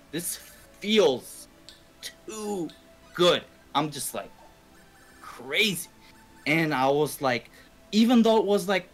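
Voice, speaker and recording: Over video game music on a stream, a young Canadian man casually tells a rambling story full of slang and profanity. His voice is mid-range and a bit bright.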